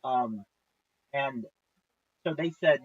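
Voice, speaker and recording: A man's voice: mid-range voice, drawn-out words, breathy edge, dry recording, lo-fi sound. A man in his thirties, a livestreamer, tells a long story in a casual, profane, exasperated way. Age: 30s.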